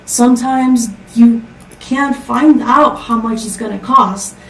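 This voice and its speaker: Her voice is a little high and she takes things slowly as she gives a prepared, upbeat tech conference talk full of rhetorical questions. She is from Costa Rica. The mic is far away, leaving an echoey sound with slight background noise.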